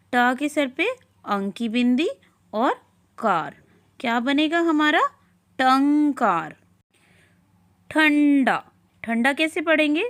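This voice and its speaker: A woman's voice: sits high, dry recording, clean studio sound. A woman teaching young children to read, sounding out syllables one by one and answering her own questions. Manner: slow, deliberate sounding-out of syllables; asks questions and answers them herself. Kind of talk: children's reading lesson.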